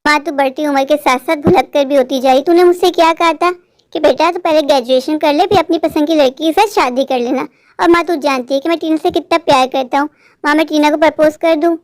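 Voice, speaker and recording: Woman doing a lovesick young crow guy for a cartoon, eager and pleading, super high voice, dry sound. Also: fast, no room sound, close to an everyday voice. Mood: excited. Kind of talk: cartoon voice acting.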